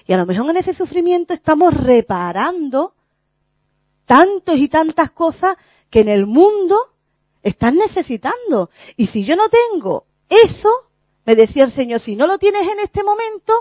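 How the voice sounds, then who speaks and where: Earnest woman, lively voice. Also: high-pitched, no echo. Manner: earnest, halting, many restarts and fillers. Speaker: lay preacher sharing a spiritual reflection. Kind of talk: informal religious talk. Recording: dull lo-fi recording.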